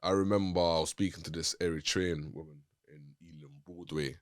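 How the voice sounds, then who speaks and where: A man's voice: rumbling low, steady tone, brisk, dry recording, clean studio sound. A man, hosting a casual, slangy chat with frequent laughs. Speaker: host.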